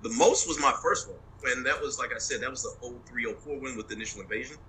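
Bright-voiced profane veteran storyteller. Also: male voice, mid-range voice, quick pace, a little hiss or hum, rough recording. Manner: profane, animated storyteller, laughs a lot. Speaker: military veteran guest. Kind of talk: casual storytelling interview. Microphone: phone.

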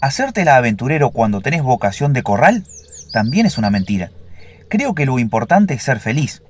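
A man's voice: medium pitch, very animated, brisk, slight background noise, natural voice. A man voicing a young, earnest and somewhat timid male ovenbird in a storybook fable. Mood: reflective.

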